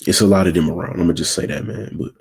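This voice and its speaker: A fast-talking channel host in his twenties speaks to his livestream viewers in loose, slangy asides, often asking "you feel me" to check they follow. His voice is low, raspy, dark and mellow, slightly strained from a sore throat.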